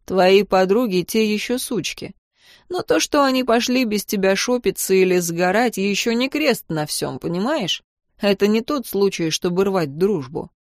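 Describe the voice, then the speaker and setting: A cocky, self-assured young man, voiced by a woman reading an audiobook drawls his words in a smug, teasing way. The voice sits at a middling pitch. The recording is dry and close, with no room sound. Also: expressive, moderate pace, no room sound, natural voice. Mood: advising. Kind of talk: audiobook narration.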